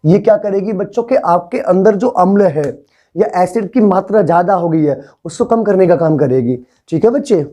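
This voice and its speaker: Brief: young male teacher in a classroom, mellow tone, coaxing, repeats words for students to echo. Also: high-pitched, normal speed. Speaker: English teacher. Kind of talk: classroom vocabulary lesson.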